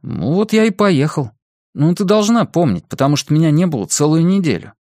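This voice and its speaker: A man voicing a calm young son. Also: on the high side, brisk, no echo, studio quality, voice pushed up. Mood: explaining. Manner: calm, even-tempered, patient. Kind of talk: audiobook character voice.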